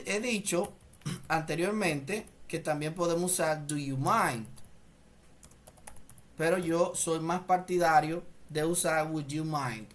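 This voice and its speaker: Man, native Spanish speaker, English teacher, slow and deliberate, repeats phrases, clears throat. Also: fairly high pitch, fairly bright tone. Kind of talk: bilingual grammar lesson.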